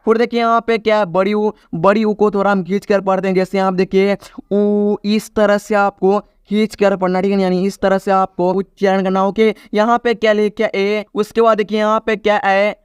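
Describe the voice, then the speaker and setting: A man's voice: sits high, level tone, moderate pace, few pauses, clear, resonant tone, no room sound, studio quality. A man teaching a video lesson to viewers he calls friends, repeating "okay?" often and stretching vowel sounds to demonstrate them. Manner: repetitive, keeps asking "ठीक है ना?". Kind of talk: classroom-style video lesson.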